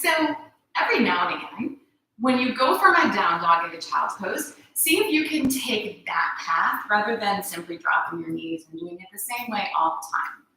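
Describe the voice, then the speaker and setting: A woman yoga instructor guiding a class through poses, giving calm, encouraging cues and often checking in with "right?". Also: medium pitch, moderate pace, a little hiss or hum. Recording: very echoey room.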